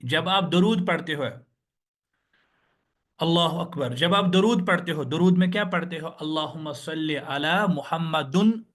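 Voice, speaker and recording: A man teaching an online Arabic grammar lesson, patiently drilling word endings and asking the class questions he answers himself. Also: fairly high pitch. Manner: slow, patient, repeats and drills words.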